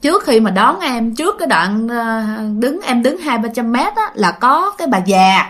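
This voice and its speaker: A woman's voice: on the high side, sing-song, moderate pace, a bit bright. A woman voicing a cheeky, flirtatious male truck driver who talks in a sleazy, chatty Southern Vietnamese way. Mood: flirty.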